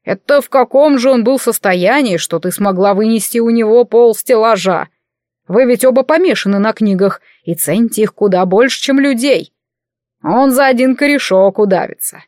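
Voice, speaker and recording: A woman's voice: a little high, normal speed, darkish tone, dry recording, close to an everyday voice. A meddling little male familiar, a walking cabinet, as a woman reader puts him on. He nags and teases in a slightly raised, fussing voice. The sound is dry and close, as in an audiobook. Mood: fretful. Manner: nagging, cheeky, fussing.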